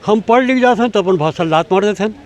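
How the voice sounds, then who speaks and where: Speaking fast in a high, raised voice, an older language activist with a Chhattisgarhi accent delivers impassioned interview answers, lecturing with force and repeatedly throwing rhetorical questions at his listener. It's recorded outside, with vehicles passing behind him.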